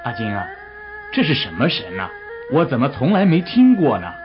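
An actress playing a curious, nosy village neighbor in an audio drama. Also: female voice, very deep voice, huge pitch swings, normal speed, exaggerated voice. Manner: nosy, questioning. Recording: dull audio with clear music.

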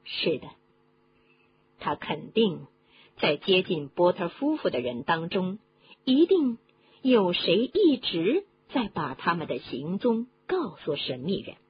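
A woman voicing an older male government minister who talks low and confiding, in an audiobook reading on a dull lo-fi recording with faint hum. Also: big pitch swings, slow. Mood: grave.

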